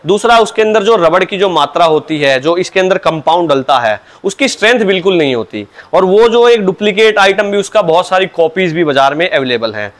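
Guy selling stuff, fairly high voice, patient salesman tone, keeps saying sir. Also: lively intonation, a little fast, hardly any pauses. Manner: patient, salesman-like, repeatedly opens with "sir, look". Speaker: cow mat dealer. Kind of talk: product explanation in an interview.

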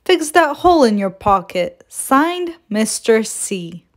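A woman's voice: on the high side, sing-song, slow. A woman reading the lines of a jolly, kindly old Santa in a children's storybook, in a cheerful, friendly way. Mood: warm.

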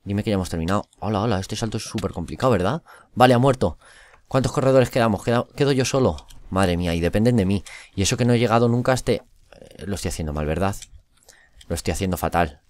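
Excitable gamer repeating himself. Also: male voice, on the low side, no room sound. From Spain. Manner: excitable, repeats phrases rapidly, swings between shouts and mutters. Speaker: gaming YouTuber. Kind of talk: live gameplay commentary.

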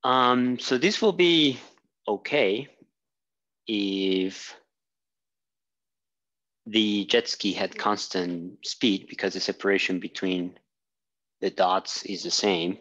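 Guy working a physics problem on a whiteboard, lots of ums, slow and lowish. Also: fairly bright tone, lo-fi sound. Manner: thinks aloud with fillers and restarts while drawing. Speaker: physics instructor. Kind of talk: whiteboard lecture. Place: small room at a whiteboard.

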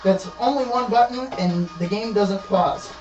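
A man's voice: sits high, a little slow, darkish tone, distant mic, muffled recording, faint music behind. A young man hosting a challenge video, casually explaining things in a bathroom, a little away from the camera. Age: young adult. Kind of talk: casual explanatory vlog chat. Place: small tiled bathroom. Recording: echoey bathroom, away from mic.

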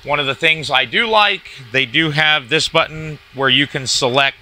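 A man giving a casual, hands-on product review in a halting, informal walk-through style. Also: a little high, bright, forceful tone, rough recording. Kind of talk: casual hands-on gadget demonstration. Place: indoors at a cluttered wooden desk.

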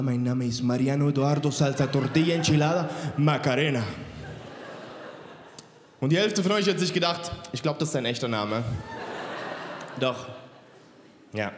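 A man's voice: on the high side, a little hiss or hum. A man in his thirties doing stand-up on a big indoor stage with a handheld mic, teasing the crowd in a cocky way. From Germany. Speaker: stand-up comedian. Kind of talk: stand-up comedy. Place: large indoor stage with audience. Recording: roomy hall with long reverb, faint ambience.

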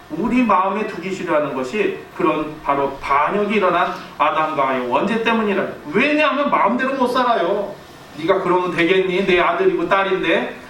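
Pastor, male, 40s: high and bright, animated sermon delivery with acted-out family lines, recorded from a distance in an echoey hall. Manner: animated, acts out family quotes, asks the congregation questions. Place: church sanctuary. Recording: echoey church hall, distant mic, faint background hiss.

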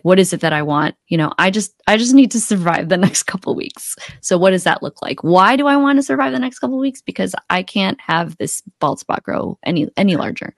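Again the thirty-something accountability coach explains casually and methodically as a podcast guest, calling in by video from home. A close desktop podcast mic records her lowish voice dry, with studio quality.

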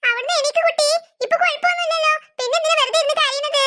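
Woman doing a high bright cartoon teacher lady, coaxing the kids and scolding them soft. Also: racing. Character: fussy adult woman, a teacher or aunt. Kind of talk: cartoon voice acting.

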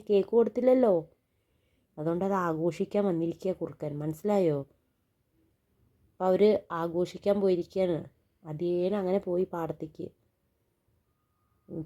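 Mellow-voiced woman at home talking softly to a little kid, coaxing, soothing, patient. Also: fairly low pitch. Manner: gentle, coaxing, reassuring. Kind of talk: casual chat with a small child.

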